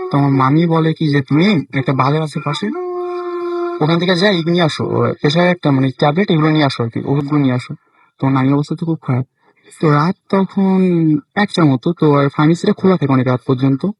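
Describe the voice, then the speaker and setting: A young man from Bangladesh shares a spooky personal story with a radio show. His voice sits a little high and husky. The sound is close and dry, and he halts often, restarting his sentences. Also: dry recording, low-quality recording. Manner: hesitant, many fillers and restarts. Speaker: caller sharing a ghost experience. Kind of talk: casual first-person storytelling.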